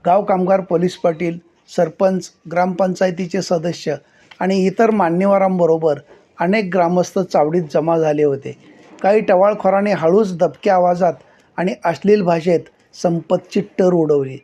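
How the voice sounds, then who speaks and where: A male story reader narrates a literary short story in a measured, expressive way. His voice sits high for a man, with a mellow, soft-edged tone. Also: lo-fi sound.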